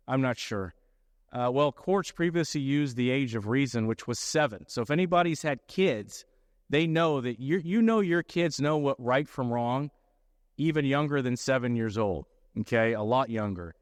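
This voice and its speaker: A man's voice: medium pitch, no echo, clean studio sound. A middle-aged man presenting to a room of lawyers, explaining points and checking in with his listeners as he goes. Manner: explanatory, often checks in with "okay?". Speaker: lawyer giving a talk. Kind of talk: conference presentation.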